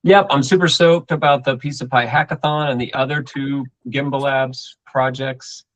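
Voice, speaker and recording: A man's voice: mid-range voice, fairly even intonation, moderate pace, a bit bright, dry recording. A man with a mid-range voice speaks up on a video call. He sounds keen but wanders, restarting his sentences as he thinks aloud. The audio is dry and close. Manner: enthusiastic, rambling, many restarts. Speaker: community participant. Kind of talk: casual online meeting chat.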